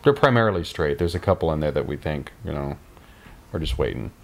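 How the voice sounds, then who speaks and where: A man's voice: rumbling low, lively intonation, fairly quick, gravelly. A man in his late thirties talking in an easygoing, thoughtful way in a documentary interview. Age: 30s.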